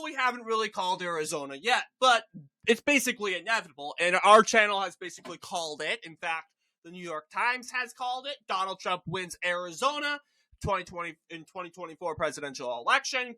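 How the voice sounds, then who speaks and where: A young man of about twenty giving informal election night analysis as a channel host, in a halting, rambling way that often doubles back on itself. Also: sits high, expressive, sharp tone. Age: young adult, about 20. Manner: halting, rambling, self-correcting.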